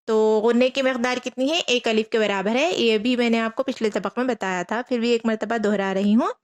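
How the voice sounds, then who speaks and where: A woman teaching a Quran reading lesson, patiently repeating each rule, asking her students questions and slowly spelling out letters. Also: on the high side, steady tone. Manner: patient, repeats rules and asks rhetorical questions.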